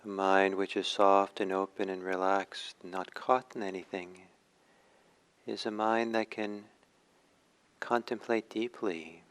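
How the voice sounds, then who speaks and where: A man leading a guided meditation as a teacher, speaking in short phrases with hushed pauses between them. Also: deep voice.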